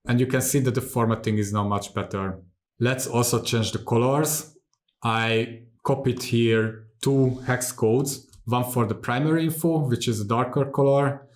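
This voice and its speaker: A man in his thirties from Hungary, calmly explaining software steps one by one in a screen-recorded tutorial, recorded seated in a home studio. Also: mid-range voice. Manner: calm, methodical step-by-step explaining. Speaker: tutorial host.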